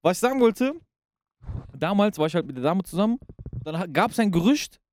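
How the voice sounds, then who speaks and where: A young man with a high voice tells a story in quick, punchy bursts. His delivery is animated, and the sound is dry and close. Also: dry recording. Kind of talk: casual chat, storytelling.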